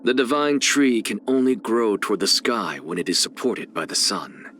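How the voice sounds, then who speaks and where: Deliberate and theatrical, this arrogant video-game scholar lectures in a measured, reflective mood, his contempt cool. The voice is fairly low but crisp and forceful, expressive, with big pitch swings as he lingers on each phrase; slight background noise is present.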